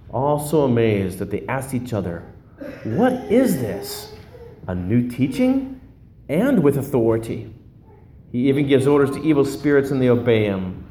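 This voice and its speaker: Casual preacher in an echoey room. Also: male voice, mid-range voice, a little mellow, slight background noise. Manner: casual, searching for words, loses his notes. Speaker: pastor. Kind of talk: sermon.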